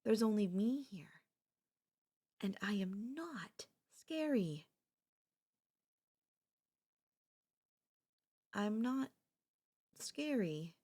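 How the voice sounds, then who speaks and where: In this ASMR roleplay, a young woman takes the part of a possessive, obsessive childhood friend, her soft delivery carrying a sweet, menacing calm that sinks into whispers. She speaks slowly at medium pitch, in a soothing, hushed mood.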